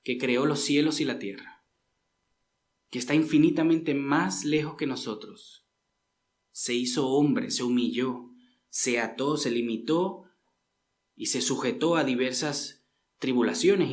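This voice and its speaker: A man's voice: mid-range voice, measured pace. A man preaching a sermon in a church, earnest and emphatic, often addressing listeners as brothers.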